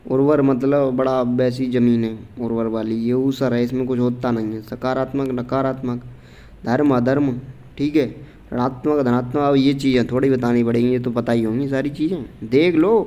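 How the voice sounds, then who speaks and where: Man teaching grammar with a mellow voice. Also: medium pitch, fairly even intonation, normal speed, lo-fi sound. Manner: informal, repeats "theek hai" often, reads out answer options. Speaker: exam coaching teacher. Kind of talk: casual Hindi grammar lesson.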